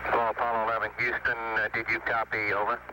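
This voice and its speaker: A man's voice: lowish voice, completely flat delivery, fast. A man on a crackly, breaking-up space-to-ground radio link, using clipped radio procedure talk with hesitant fillers. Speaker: astronaut and mission control on radio. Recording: noisy archival space radio from far off.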